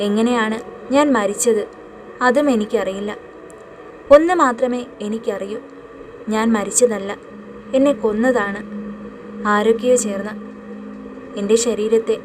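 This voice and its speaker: A woman's voice: mid-range voice, background noise, close to an everyday voice. A woman voicing a grieving murdered girl's ghost. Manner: tearful, pleading.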